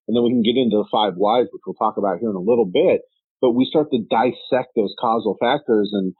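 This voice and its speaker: A man's voice: medium pitch, breathy edge, dry recording. A man co-hosting a workplace safety podcast, explaining his points in a methodical, casual way. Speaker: podcast co-host. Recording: tinny phone-like line.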